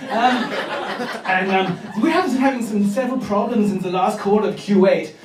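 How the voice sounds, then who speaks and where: A man's voice: high-pitched, moderate pace, a crowd in the background, natural voice. A comedian voicing a pompous, self-important German male sales manager who scolds his staff in a German accent. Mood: pompous scolding. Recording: roomy club recording from far off, audience.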